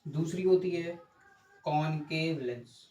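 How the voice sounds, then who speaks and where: A man with a fairly high, warm voice speaks slowly while teaching physics and sketching on the board. He goes step by step, poses checking questions, and corrects himself as he draws. The room is echoey, with a little ambient noise.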